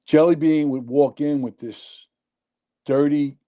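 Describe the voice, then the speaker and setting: In a muffled recording, a man in his sixties with a New York accent tells rambling, animated stories as a guest in a casual conversation. His voice is on the high side and slow.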